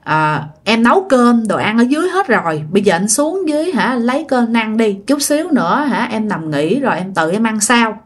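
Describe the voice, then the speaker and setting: In a spoken ghost story, a woman plays a tired working wife who speaks softly and sounds bewildered. Her voice is higher-pitched, and her manner is plain and gentle. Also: very animated, moderate pace, few pauses, breathy edge. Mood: weary, puzzled.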